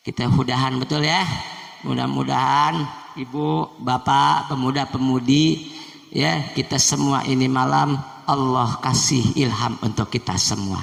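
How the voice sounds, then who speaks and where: A man preaching at a mosque gathering, slangy and coaxing, rising to shouted prayers. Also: a little high, gravelly. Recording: echoey hall reverb.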